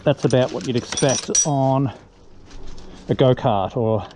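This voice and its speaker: A man's voice: medium pitch, slow pace. Aussie bloke a bit out of breath chatting while he fixes his bike, helmet cam audio, lots of noise and tool clicks. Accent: Australian. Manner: chatty, self-deprecating, thinking aloud. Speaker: motorbike DIY vlogger. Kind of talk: casual how-to talk while working. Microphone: helmet-mounted action camera.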